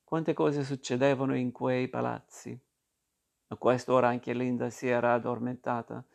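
Male audiobook narrator, mid-pitched, gravelly, even, unhurried literary reading.

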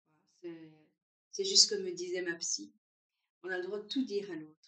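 Animated woman, roomy and distant. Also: lowish voice, normal speed. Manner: animated, acts out what others say. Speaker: guest sharing her story. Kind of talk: casual chat. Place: room at a brunch. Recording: roomy sound, away from the mic.

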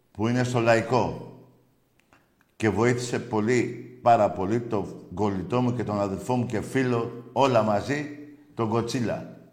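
A male sports call-in host who mocks and taunts rival fans, swearing freely as he rants. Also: medium pitch. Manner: mocking, provocative, swears freely. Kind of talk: sports radio rant. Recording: roomy echo.

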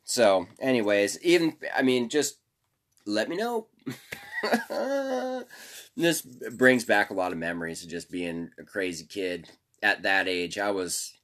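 A podcast host with a deep, somewhat bright voice tells stories at a normal pace. His casual monologue rambles, is full of profanity, and is punctuated by frequent laughter.

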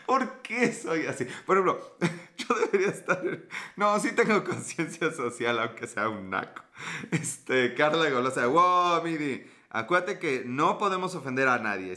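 A man on the high side of the pitch range, bright and forceful, hosts a livestream podcast in a Mexican Spanish accent. Casual chat mixes with reading viewer comments and playful, profane, flirtatious jabs.

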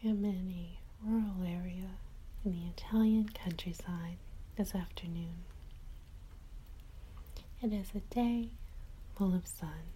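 A woman host whispering a calm, slow sleep story, close to the mic. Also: fairly low pitch, slight background noise, rough recording.

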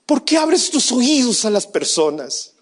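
A man preaching a sermon as a pastor, telling a story in a hushed voice and then shouting his appeals to the church. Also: very high-pitched, big pitch swings, measured pace.

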